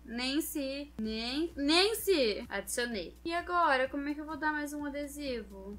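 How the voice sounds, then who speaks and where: Young woman gaming host, high bright voice, casual chatty play-by-play. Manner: chatty, talks straight to viewers. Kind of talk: casual gameplay commentary.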